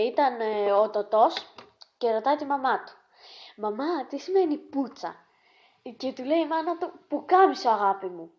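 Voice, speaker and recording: A woman vlogger reading jokes aloud in a casual, halting way, with restarts and hesitations, and breaking off to chat to her dog. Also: medium pitch, highs cut off.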